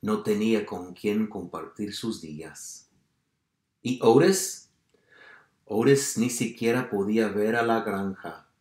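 A man teaching by reading a picture book aloud to children, telling it expressively, dropping to whispers and asking the listeners questions. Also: low voice. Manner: expressive storytelling, drops to whispers and asks questions. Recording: roomy echo.

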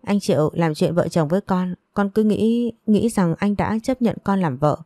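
A woman's voice: mid-range voice, moderate pace, mellow, no room sound, natural voice. Lady reading whiny teary young woman from a story, plaintive, dry close sound. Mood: tearful. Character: young woman, tearful and wheedling.

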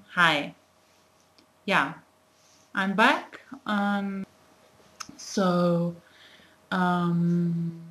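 A young woman giving an informal language lesson to camera in a halting, thinking-aloud way. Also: fairly low pitch. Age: young adult. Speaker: language teacher.

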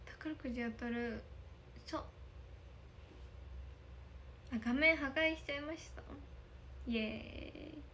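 A woman's voice: sits high, slow pace, pauses often, sharp tone, slight background noise. A young woman in a casual livestream, reading viewer comments, thanking them often and giggling. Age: young adult. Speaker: idol livestreamer. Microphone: phone camera.

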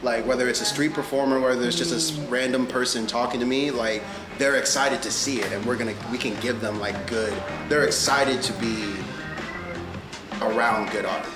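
A man actor talking casually and excitedly, with many fillers, in a roundtable discussion. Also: medium pitch, normal speed, roomy sound, over music, rough recording. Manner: casual, excited, heavy use of like.

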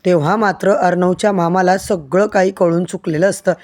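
A woman's voice: fairly low pitch, fairly even intonation, moderate pace, a little mellow. A woman retelling a TV serial episode to viewers, addressing them directly as she tells the story.

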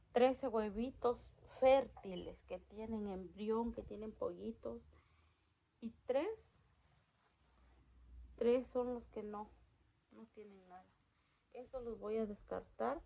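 A woman, narrating a casual vlog about her backyard chickens, speaking softly and sometimes cooing high to soothe a hen. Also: vocal fry. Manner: soft-spoken, coos high and loud to soothe a hen. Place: backyard chicken coop outdoors. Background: clucking chickens and birds.

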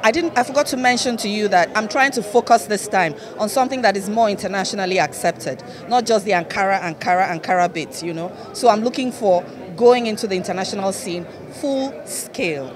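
A woman's voice: mid-range voice, fairly quick, hardly any pauses. A woman fashion designer answering casually in a red carpet interview, held up to a handheld microphone. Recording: busy event crowd behind voice.

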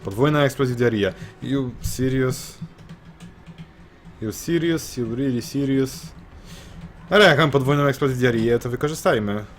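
A man giving excitable let's-play commentary, swearing and repeating phrases in bursts. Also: medium pitch, a little slow, pauses often, soft background music. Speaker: gameplay commentator.

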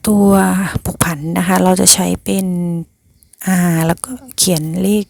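A woman's voice: fairly low pitch, little pitch movement, unhurried, creaky, a little mellow, husky, dry recording. A woman teacher patiently explaining a math lesson to her students, often calling them "child" affectionately.

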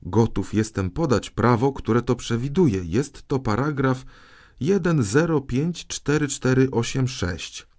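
A man's voice: medium pitch, animated, measured pace, darkish tone, voice pushed up. A man voicing a pedantic older male justice minister who recites legal paragraphs with fussy precision.

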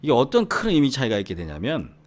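A man's voice: medium pitch, huge pitch swings, fast. A middle-aged man from Korea's Gyeongsang region giving an English lecture, talking conversationally, checking in with the listener and repeating key words. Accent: Korean with Gyeongsang roots. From Gyeongsang region, South Korea. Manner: conversational, often seeking agreement with the listener; repeats key words and drops into a near whisper. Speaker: English academy teacher. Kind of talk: explanatory lecture.

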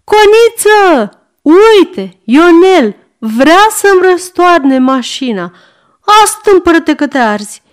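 A woman voicing a hoarse, fretful old woman servant who calls out anxiously from the next room in a storybook reading. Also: sing-song. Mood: alarmed. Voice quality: hoarse, shrill. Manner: calling out anxiously from another room.

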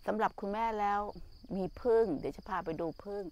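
A woman's voice: mid-range voice, a little fast, clear, resonant tone. Older woman, motherly outdoor teaching. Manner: gentle, motherly, speaks to listeners as children. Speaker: Buddhist nun and teacher. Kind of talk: walking talk on nature and mindfulness. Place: outdoors in a garden with trees.

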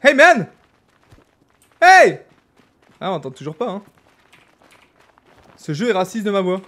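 A young man from France giving casual, animated commentary as he streams a game. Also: sits high, normal speed. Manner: chatty, animated, jokey, exclaims loudly. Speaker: gaming streamer. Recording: faint background noise.

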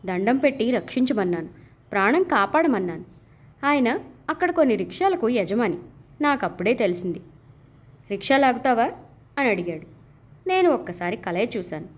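A woman narrating a literary short story as an audiobook in an expressive, measured storytelling manner, giving the characters' dialogue its own voices. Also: on the high side.

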